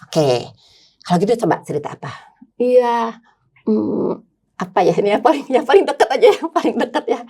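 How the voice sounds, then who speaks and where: Older woman psychologist, lively storyteller. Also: a little high, normal speed, creaky, breathy edge. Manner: animated storytelling, acts out clients' voices. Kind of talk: podcast conversation.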